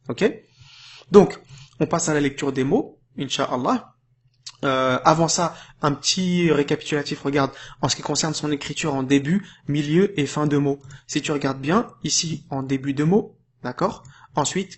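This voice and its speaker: A man with a slightly higher voice talks a learner through a lesson in a friendly, informal way. He keeps checking that the listener follows and slows right down to stretch out each syllable. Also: husky. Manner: patient, informal, chuckles and checks in with "d'accord?"; stretches out syllables slowly when modelling sounds. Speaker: Arabic reading teacher. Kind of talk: casual tutorial addressed to the viewer.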